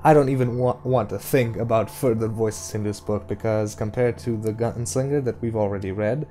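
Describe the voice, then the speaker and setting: A man reading a novel aloud as a hobby audiobook, in a steady narration that slows for dramatic lines, then chatting to listeners. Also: fairly low pitch, faint music behind. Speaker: audiobook reader.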